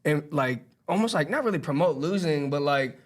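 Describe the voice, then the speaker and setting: A man's voice: a little high, lively intonation, a little fast. A man coach hosting a casual podcast chat, rambling with lots of fillers and swearing. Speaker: wrestling coach, host.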